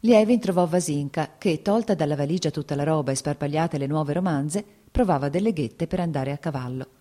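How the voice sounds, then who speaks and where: Low, mellow woman reading a classic novel. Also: fairly quick. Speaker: audiobook reader. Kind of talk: literary audiobook narration.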